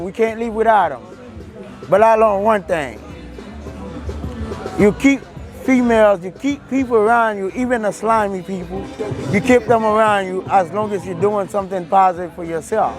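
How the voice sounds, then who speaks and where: Emphatic man on a loud street. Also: sits high. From Miami, Florida. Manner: loose, emphatic street talk. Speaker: restaurant owner. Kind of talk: street interview. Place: outdoors on a busy street. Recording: outdoor street with music and crowd. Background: music and crowd noise.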